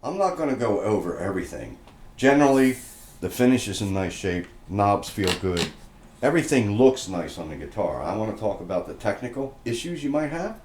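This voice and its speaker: A man reviewing a guitar speaks briskly in a fairly low, darkish, very animated voice, with a little hiss or hum on the audio. His casual, hands-on walkthrough stays plainspoken and folksy as he explains each check step by step.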